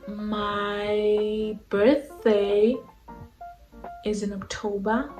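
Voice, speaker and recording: Twenty-something woman from south africa vlogging, slow easy rambling chat, roomy echo, soft music under it. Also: mid-range voice, flat delivery. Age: 20s. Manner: chatty, rambling, lots of fillers. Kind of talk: casual talk to camera.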